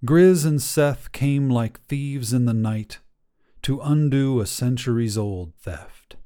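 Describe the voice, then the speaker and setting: A man hosting a story podcast, narrating a short story in a calm, measured, scripted way. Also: medium pitch.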